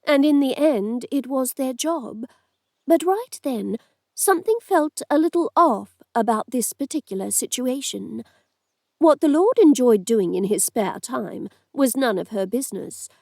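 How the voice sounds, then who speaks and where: A woman narrating an audiobook in a steady, measured reading voice. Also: a little high, no room sound, clean studio sound. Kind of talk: scripted narration.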